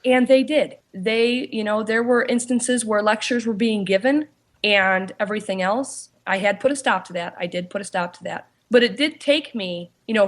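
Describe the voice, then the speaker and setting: Halting woman telling a story in an interview. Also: medium pitch. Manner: halting, with frequent "you know" and restarts. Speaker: interview guest, paranormal investigator and author.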